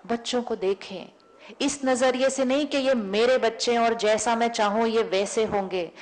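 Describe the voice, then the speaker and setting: A woman giving a public spiritual lecture, telling everyday stories and acting out both sides of the dialogue, often repeating key words. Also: medium pitch. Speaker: spiritual teacher. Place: lecture hall before an audience.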